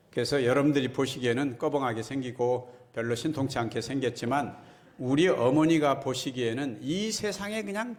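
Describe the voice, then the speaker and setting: A man preaching a sermon as pastor, folksy and chatty, often checking in with his listeners. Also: medium pitch. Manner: folksy, keeps asking the congregation "right?".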